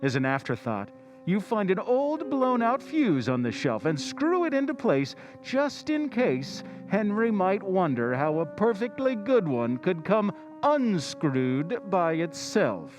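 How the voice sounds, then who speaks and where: The Whistler, insinuating narrator. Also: male voice, high voice, very animated, music in the background. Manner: addresses the listener's character directly, slow and insinuating. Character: male Whistler narrator, ominous, knowing, taunting. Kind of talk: 1940s radio drama narration.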